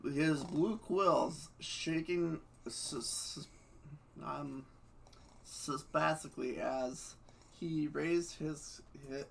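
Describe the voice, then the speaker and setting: A man's voice: a little high, creaky, a little hiss or hum. A man reading fanfiction aloud, stumbling and stuttering over words and laughing between lines. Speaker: fanfiction reader.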